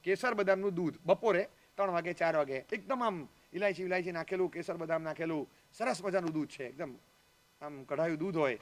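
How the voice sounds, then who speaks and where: A man's voice: a little high, brisk. A man giving a sermon as a Jain monk, telling a story and acting out the dialogue, often asking the audience questions. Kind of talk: sermon with acted anecdotes.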